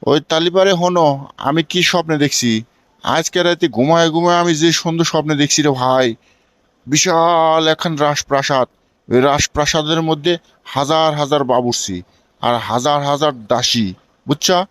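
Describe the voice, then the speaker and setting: Man playing a foolish lovestruck village bloke, highish voice. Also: fairly even intonation, normal speed, fairly bright tone, clear, resonant tone, no echo, natural voice. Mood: dreamy, boastful. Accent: Bangladeshi regional. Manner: emphatic, keeps checking he is understood. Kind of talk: comic cartoon dialogue in colloquial dialect.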